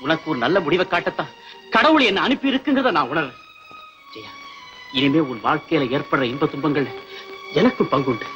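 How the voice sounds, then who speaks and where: An earnest young man consoles a grieving orphan, his fairly high voice rising and falling with feeling. The dull old soundtrack carries clear music beneath him. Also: big pitch swings, brisk, pauses often. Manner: earnest, comforting. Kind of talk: 1960s Tamil film melodrama.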